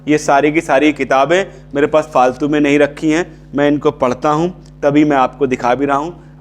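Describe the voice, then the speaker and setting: Higher-voiced Indian man teaching English grammar. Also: a little hiss or hum. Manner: repeats key terms, checks in with "ठीक है". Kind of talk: casual classroom lecture.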